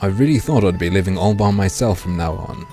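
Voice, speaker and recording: A man livestreaming through a headset mic, reading a game aloud and joking crudely with his chat in a deadpan way. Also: low-pitched, fairly quick, faint music behind.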